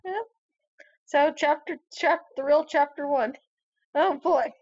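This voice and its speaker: A woman co-hosts a casual read-aloud of fan fiction, sounding somewhat hesitant. Her voice is high-pitched, slow and darkish in tone, captured on a dull, lo-fi recording with a dry, close sound.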